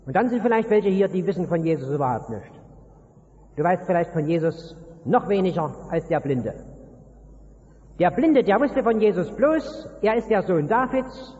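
Male preacher, evangelistic sermon, emphatic, direct address, high voice, muffled dull recording. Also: a little mellow. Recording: dull recording with long hall reverb.

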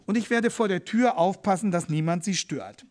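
A man's voice: high-pitched, normal speed, a little mellow, close to an everyday voice. A man voicing a friendly middle-aged male policeman who talks in a plain, confiding way.

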